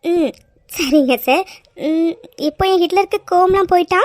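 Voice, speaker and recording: A woman's voice: very high voice, moderate pace, a little mellow, no echo, studio quality. A woman voicing a playful, slightly whiny young wife in a cartoon. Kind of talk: cartoon voice acting.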